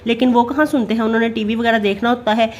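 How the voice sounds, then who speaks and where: A woman's voice: fairly high pitch, fairly even intonation, quick pace, a little mellow, slight background noise. A middle-aged woman with a Pakistani Urdu accent, chatting in a homely way as she narrates her family vlog. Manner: chatty, homely, many fillers. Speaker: family vlogger. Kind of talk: casual voice-over narration.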